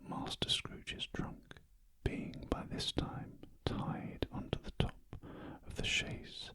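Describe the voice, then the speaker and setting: A man with a British accent whispers a story as ASMR, close to the ear. The whisper is breathy and fully unvoiced, with a slow, gentle delivery. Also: no room sound. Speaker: audiobook reader. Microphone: close ear-to-ear ASMR microphone.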